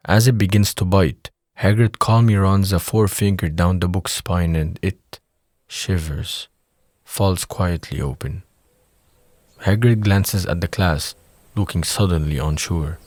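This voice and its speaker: Scripted audio drama narration comes from a man with a low, slightly mellow voice, recorded dry. He lays out each scene in the present tense with a measured, descriptive delivery.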